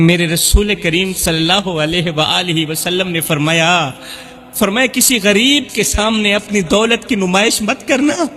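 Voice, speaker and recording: A man's voice: high voice, sharp tone, in a large hall. A male Islamic preacher, giving an emotional sermon full of repeated lines that build to cries. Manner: impassioned, repetitive, rising to cries.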